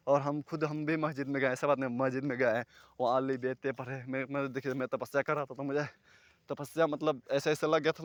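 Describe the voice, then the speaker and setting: A man's voice: mid-range voice, no echo. Earnest rambling man vlogging at night. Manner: rambling, earnest, at times loud. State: scared. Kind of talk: casual talk to camera. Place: outdoors at night, far from houses.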